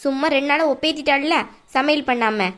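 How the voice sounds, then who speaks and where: A woman voicing a sharp-tongued, nagging middle-aged mother-in-law in a cartoon, scolding and mocking. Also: sits high, a little fast. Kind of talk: cartoon voice acting.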